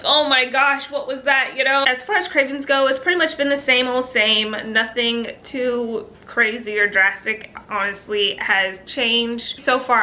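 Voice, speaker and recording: A young woman chats to her camera in a casual, upbeat vlog. Her voice sits a bit high and rings bright and forceful, and she laughs lightly between thoughts. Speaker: vlogger.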